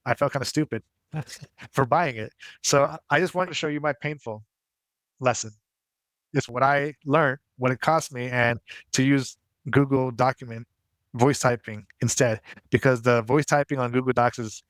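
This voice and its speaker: A man's voice: medium pitch, a bit bright, no room sound. A man narrating a tutorial as its host in a casual, explanatory style.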